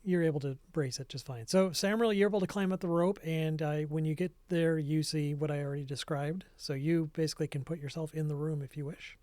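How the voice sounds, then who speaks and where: A man serves as game master, laying out rooms and rulings in a relaxed, searching way. His voice sits fairly high. The sound is dry and close, with no room around it. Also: fairly quick, few pauses, no echo. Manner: relaxed, descriptive, thinks aloud. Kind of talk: narrating a tabletop game.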